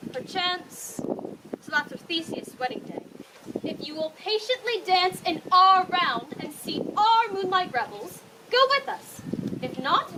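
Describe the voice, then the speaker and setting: Really high hammy stage fairy queen, woman acting, proud and scornful, shakespeare style, noisy recording. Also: animated, measured pace. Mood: indignant, proud. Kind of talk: theatrical Shakespeare stage performance.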